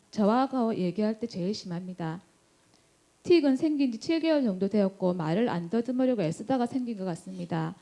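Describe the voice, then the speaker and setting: A woman's voice: mid-range voice, dark tone. A woman in her thirties or forties, a mother reading out her written question in a subdued, earnest way.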